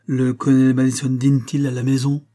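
A man reading an audiobook, voicing a prim, spiteful middle-aged widow who feigns gentle sweetness and insinuates. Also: mid-range voice, monotone, fairly quick, lightly acted. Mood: insinuating.

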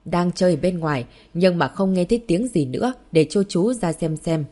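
A man's voice: high voice, normal speed, warm tone, close to an everyday voice. A woman reading a touchy, proud old uncle. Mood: grumbling.

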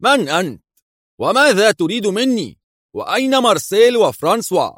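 A man voicing a furious, shouting European villain in an audiobook reading, high-strung and yelling. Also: very animated, normal speed, no room sound, clean studio sound, exaggerated voice.

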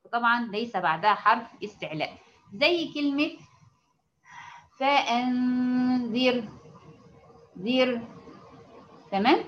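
A woman's voice: on the high side, very animated. Patient Egyptian woman teacher, dull audio. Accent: Egyptian Arabic. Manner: patient, repetitive, checks understanding often; stretches out example words slowly. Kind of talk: online lesson to female students.

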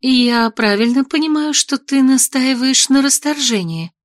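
A woman voicing a stern, gentle noble mother. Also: high-pitched, dry recording, clean studio sound, voice pushed up. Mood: tender. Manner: measured, formal, reproving. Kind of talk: audiobook character voice.

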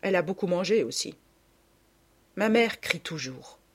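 Animated woman reading a novel. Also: on the low side, moderate pace, breathy edge. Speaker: audiobook reader. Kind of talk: literary audiobook narration.

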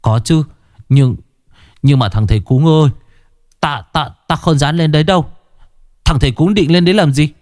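A man doing a gruff stammering old villager. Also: on the high side, normal speed, pauses often, a little mellow, no echo, studio quality, pitched above the performer's own voice, lightly acted. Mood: fearful. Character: frightened, stubborn older village man.

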